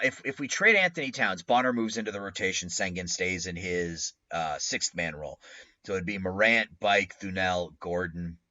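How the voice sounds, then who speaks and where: A man's voice: fairly low pitch, sharp tone, dry recording. Man with a tinny tin-can mic sound. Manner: conversational, loose, hesitant with frequent fillers. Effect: tinny tin-can sound from a poor mic. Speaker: gaming channel host. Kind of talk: casual game commentary. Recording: dull lo-fi tinny mic, dry.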